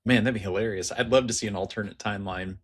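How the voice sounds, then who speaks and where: A man's voice: fairly low pitch, fairly even intonation, quick pace, a loud crowd. A man co-hosting a podcast, joking and agreeing in casual chat. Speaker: podcast co-host.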